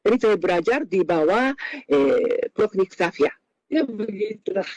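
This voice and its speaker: A man with a high voice and a Japanese accent speaks Indonesian as a foreigner. He lectures off the cuff with personal anecdotes, pausing often on hesitation sounds. The sound is close and dry, with little room echo. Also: animated. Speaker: professor giving a talk.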